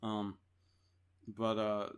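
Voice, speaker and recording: A man's voice: fairly low pitch, completely flat delivery, very slow, smooth. A man co-hosting a podcast in casual chat, joking, laughing often and rambling with fillers. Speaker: podcast co-host.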